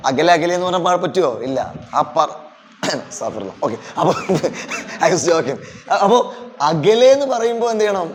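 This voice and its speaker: A man in his thirties with a Kerala accent leads an animated classroom lesson. His voice sits a little high and he talks slowly, stopping often to have the class repeat phrases back to him. Faint background noise fills the room. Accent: Kerala English. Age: 30s. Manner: animated, drills pronunciation and asks the class to repeat. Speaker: English teacher training teachers. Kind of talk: classroom lesson, mixing Malayalam and English.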